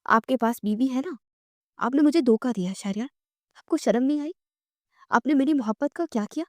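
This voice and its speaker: A woman takes on a heartbroken young wife in a romance audiobook, hurt and angry. Her words come out tearful and accusing in a fairly high voice. The sound is dry and close. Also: dry recording, natural voice.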